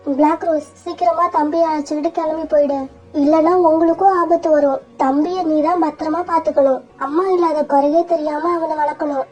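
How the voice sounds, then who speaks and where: A woman voicing a gentle, self-sacrificing mother bird in a cartoon, soft and earnest. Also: high voice, fairly even intonation, brisk, music in the background, natural voice. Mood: dying plea.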